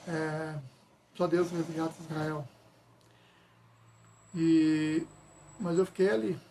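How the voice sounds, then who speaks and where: A man's voice: on the high side, little pitch movement, slow, warm tone. A man telling a church testimony, retelling it emphatically with lots of repetition. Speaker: church member giving testimony. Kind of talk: testimony storytelling.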